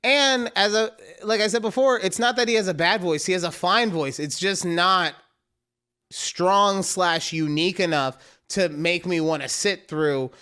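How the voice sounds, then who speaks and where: Bright-voiced joking man. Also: high voice, measured pace, smooth. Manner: joking, loud bursts. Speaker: podcast co-host. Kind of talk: casual chat.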